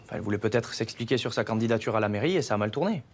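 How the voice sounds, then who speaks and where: An actor playing a methodical police technical investigator in a TV crime drama, reporting in a factual way. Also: male voice, fairly low pitch, animated, racing. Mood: focused. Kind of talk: naturalistic TV crime drama acting. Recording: TV soundtrack with background ambience noise.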